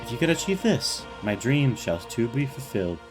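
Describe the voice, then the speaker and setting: A man voicing a courtly older male scholar who speaks formally and in a measured way. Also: mid-range voice, very animated, faint music behind, lightly acted. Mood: solemn. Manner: formal, measured, slow in places.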